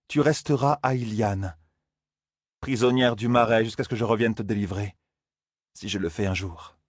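A man reading an audiobook voices a stern woman sorceress who lays down demands in a measured, imposing way. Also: mid-range voice, darkish tone, husky, no room sound, clean studio sound, pitched above the performer's own voice, close to an everyday voice. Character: stern, commanding woman sorceress, cold authority.

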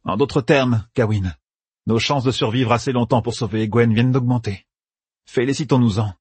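A man's voice: medium pitch, moderate pace, a little mellow, slightly rough, no room sound, voice pushed up, natural voice. A man voicing a brusque, proud older woman who was once a leader, curt and commanding.

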